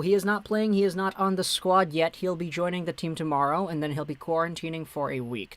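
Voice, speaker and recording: A young man with a slightly high voice hosts a casual hockey livestream, chatting and responding to viewer messages as they arrive. The recording is dry.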